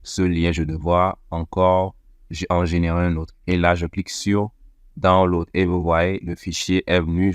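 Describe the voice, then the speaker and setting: A man with a very low voice walks through a computer tutorial one click at a time. He speaks methodically, pausing on fillers as he goes. The sound is dry and close, with no room echo. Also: clear, resonant tone. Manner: step-by-step, methodical with frequent fillers. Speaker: tech tutorial presenter. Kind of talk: screen-recorded software walkthrough.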